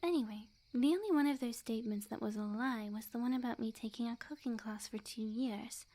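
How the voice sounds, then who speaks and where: Acting lightly as a sweet, obsessive witch girlfriend for ASMR, a woman speaks softly and breathily, coy and unhurried, often in a whisper. Her voice is a little high, and she sounds eager and devoted.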